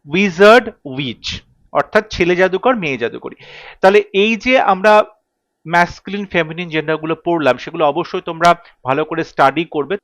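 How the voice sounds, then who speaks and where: A man teaching English grammar, reading word pairs in a steady drill and often checking in with his students. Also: sits high, no room sound. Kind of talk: classroom grammar lesson.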